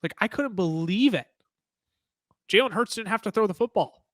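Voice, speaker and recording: Fantasy football podcast dude, bright higher voice, rambles and restarts a lot, dry mic. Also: male voice, lively intonation, normal speed, no room sound. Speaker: podcast co-host. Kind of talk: casual sports talk.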